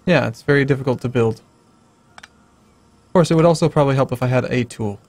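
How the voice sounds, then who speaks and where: A man's voice: mid-range voice, fairly quick, darkish tone, no echo. A man playing a game with friends, making dry, teasing remarks. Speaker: co-player. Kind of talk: casual gaming chat.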